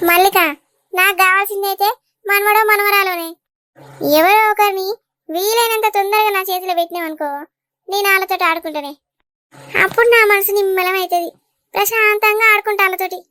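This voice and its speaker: A woman voicing an emotional older village mother in a cartoon, pleading dramatically in a high-pitched voice. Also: fairly even intonation, brisk, pauses often, bright, forceful tone, no room sound. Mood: scheming. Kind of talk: Telugu cartoon dubbing.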